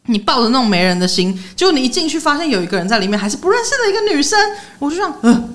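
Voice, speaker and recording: A young woman, co-hosting a podcast and telling stories in a lively way, laughing often. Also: high voice, rapid-fire. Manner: animated storyteller, laughs often. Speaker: podcast co-host. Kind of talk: casual chat.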